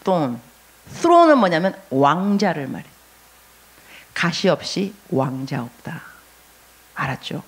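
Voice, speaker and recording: A woman's voice: deep voice, very animated, takes it slowly, pauses often, breathy edge. A middle-aged woman pastor giving a sermon, acting out inner voices and mixing in English phrases.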